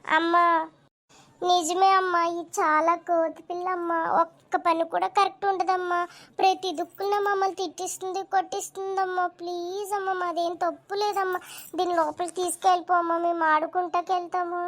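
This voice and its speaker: A woman's voice: very high voice, little pitch movement, a bit bright. A woman voicing a young cartoon schoolboy, an elder brother who whines, complains and panics easily. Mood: pleading. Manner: whiny, complaining, quick to panic. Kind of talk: cartoon voice dubbing.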